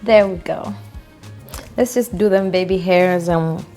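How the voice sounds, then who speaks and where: Slow-talking mellow woman vlogger. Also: lowish voice, soft background music. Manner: chatty, laughs often, lots of "like". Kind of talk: casual storytelling while styling hair.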